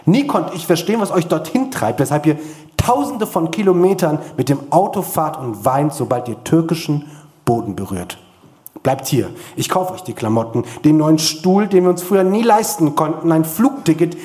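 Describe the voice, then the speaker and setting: A male author reading from his own book at a literary event in an earnest, measured way with many pauses, then answering questions. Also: on the high side, darkish tone. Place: literary event before an audience.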